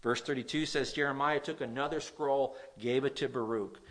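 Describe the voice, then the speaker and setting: In this sermon, a pastor with a nasal, mid-range voice reads from scripture at a moderate pace with fairly even intonation. He moves between loud emphasis and soft asides, and an occasional stutter slips in.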